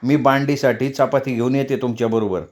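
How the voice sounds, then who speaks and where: A man's voice: mid-range voice, fairly even intonation, a little fast, close to an everyday voice. A man voicing an earnest young village girl in a storybook reading.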